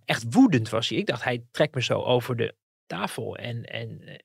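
A man's voice: medium pitch, moderate pace, creaky, breathy edge, dry recording, clean studio sound. A man, a political commentator, telling anecdotes in casual podcast chat and acting out the people he quotes. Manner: lively storyteller who acts out the people he quotes.

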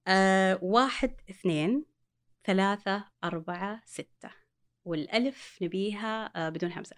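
A woman's voice: medium pitch, moderate pace. A woman, explaining reading step by step with examples as a guest. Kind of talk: explanatory talk show chat.

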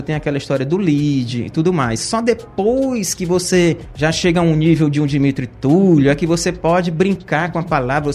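High-voiced man, chatty storyteller. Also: a little mellow. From Ceará, Brazil. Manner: chatty, anecdotal, frequent tag questions. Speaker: guest, journalist. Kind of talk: conversational storytelling.

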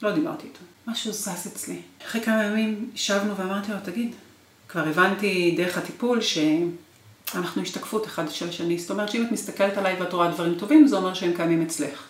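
A woman in her forties in an interview, recounting her marriage with emotional, repetitive intensity. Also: medium pitch. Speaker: guest. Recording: roomy echo.

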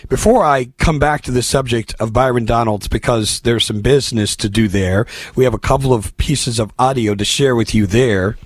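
A man's voice: medium pitch, moderate pace, few pauses, no room sound. An American man hosting a political talk radio show, delivering an opinionated monologue in a blunt, emphatic, exhorting manner.

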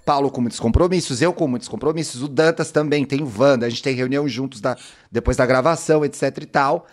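A man's voice: medium pitch, quick pace. A man, co-hosting a podcast over a video call, playful and mock-offended in casual chat. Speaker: podcast co-host.

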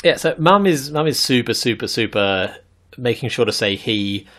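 A man's voice: mid-range voice, animated, normal speed, fairly bright tone. Male podcast host, Queensland Australian accent. Casual, candid, dryly funny, repeats words for emphasis. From Toowoomba, Queensland, Australia. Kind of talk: casual chat.

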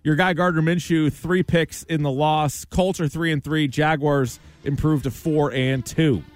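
A man hosting a sports show, running through scores and highlights in a conversational way. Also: steady tone, measured pace, dry recording, clean studio sound, faint music behind.

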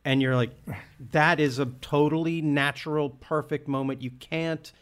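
A man's voice: a little high, steady tone, normal speed, smooth. Enthusiastic man hosting a film chat. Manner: enthusiastic, searching for words with many restarts. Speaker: podcast host. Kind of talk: casual film discussion.

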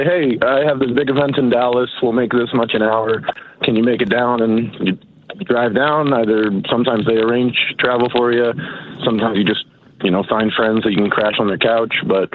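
A man's voice: mid-range voice, slight background noise. Man on a tinny phone line. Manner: explains with fillers, relaxed and matter-of-fact. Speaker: guest, traveling bartender. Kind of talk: casual interview chat.

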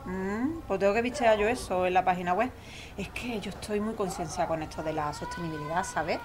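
This woman voices the same kind of character, a talkative, upbeat mum who works in an office, loves football, and speaks with a warm, folksy Andalusian accent in an audio drama. Her pitch is low and her delivery brisk. She sounds natural, though the background is noisy.

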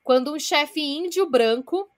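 A Brazilian woman co-hosting a podcast retells a story from her research, blunt and casual with some swearing. She has a Brazilian Portuguese accent and a high-pitched, slightly slow voice.

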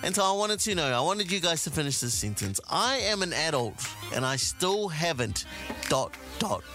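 A New Zealand-accented radio host, an adult man from South Auckland, jokes and banters in slang into a close studio mic with music playing behind him. He speaks at normal speed, a little high, with big pitch swings and a sharp tone.

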